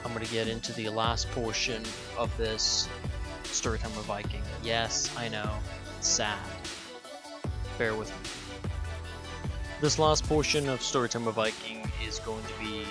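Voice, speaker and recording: A young man from Denmark, a YouTuber, talking casually to his viewers, rambling, correcting himself and swearing offhand. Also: fairly low pitch. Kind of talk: casual direct-to-camera vlog.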